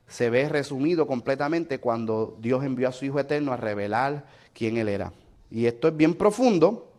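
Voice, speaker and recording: A man teaching a Bible study lesson, explaining step by step and checking with listeners whether they follow. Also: on the high side. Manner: explanatory, asks the listener questions; mixes in English fillers like "so".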